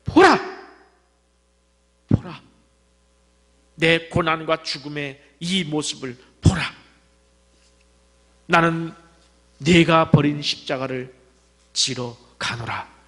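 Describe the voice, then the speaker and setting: A male pastor acting out Jesus in a forceful, proclaiming voice during a sermon. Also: a little high, fairly even intonation, slow pace, long pauses, full character voice. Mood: commanding. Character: commanding Jesus rebuking a disciple. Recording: long church reverb.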